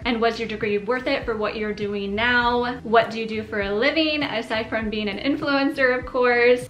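A woman's voice: on the high side, a bit bright, highs cut off. Chatty woman in her thirties, roomy echo. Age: 30s. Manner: chatty, long-winded, upbeat. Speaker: YouTuber. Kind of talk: casual Q&A vlog. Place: living room by a window.

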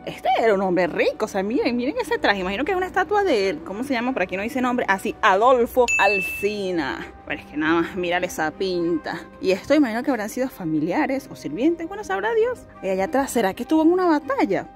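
A woman's voice: mid-range voice, sing-song, quick pace, hardly any pauses, faint music behind. A woman vlogging as she tours an outdoor cemetery, chatty and exclamatory, wondering aloud about what she sees. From Venezuela. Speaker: travel vlogger. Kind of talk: casual tour commentary.

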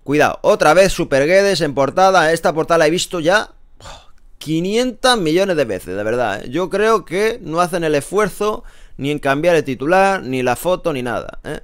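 Guy reading sports front pages, chatty, keeps tossing in tag questions, clear voice. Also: on the high side, expressive, normal speed. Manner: chatty, constant tag questions, sarcastic asides. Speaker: sports press reviewer. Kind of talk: casual newspaper front-page review.

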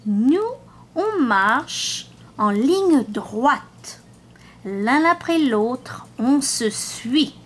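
A woman voicing a small, pleading young male lamb in a storybook read-aloud, her voice raised high. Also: expressive, extremely slow, heavily acted. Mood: curious.

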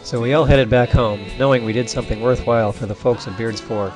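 A man's voice: medium pitch, fairly even intonation, brisk. A man giving scripted, wry voice-over narration for a travel video. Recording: music beneath the voice-over.

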